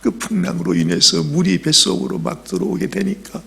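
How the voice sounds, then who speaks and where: A middle-aged man preaching a sermon as pastor, dramatic and swinging between loud calls and soft whispers. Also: sits high, fairly even intonation, fairly quick, creaky.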